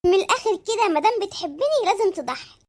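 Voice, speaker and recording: Squeaky sped-up voice doing a greedy flirty mistress, Adlout. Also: expressive. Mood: coy demanding. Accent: Egyptian Arabic. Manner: coy, demanding, fast. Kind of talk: comic cartoon dialogue.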